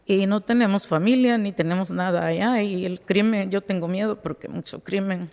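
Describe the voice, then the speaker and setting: A woman's voice: mid-range voice, fast talker, creaky, darkish tone. A woman from El Salvador, a native Spanish speaker, pleading with a city board during public comment. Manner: pleading, emotional. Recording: long hall reverb.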